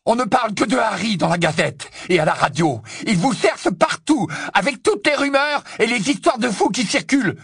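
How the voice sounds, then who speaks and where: A man's voice: on the low side, animated, moderate pace, breathy edge, no room sound, clean studio sound. A man voicing a sheepish, stammering teenage boy wizard who sometimes bellows back. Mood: shouting. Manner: stammering, apologetic, then bellowing.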